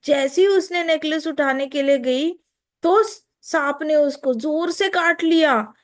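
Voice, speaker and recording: A woman voicing a tearful young woman who speaks slowly and haltingly through sobs. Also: sits high. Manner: halting, slow, sobbing speech.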